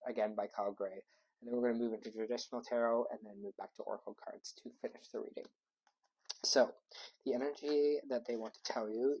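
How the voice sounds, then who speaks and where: Husky-voiced man giving a tarot reading. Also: medium pitch, dark tone, poor audio. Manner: loose, rambling, full of ums and likes. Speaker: tarot reader. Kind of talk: casual tarot reading to camera. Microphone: wearable mic.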